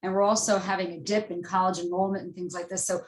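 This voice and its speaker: Talking quickly in a lowish, fairly flat voice, a woman professor joins a panel discussion without notes. She's earnest and rambles, often interrupting herself to rephrase, and the video-call audio sounds roomy and echoey.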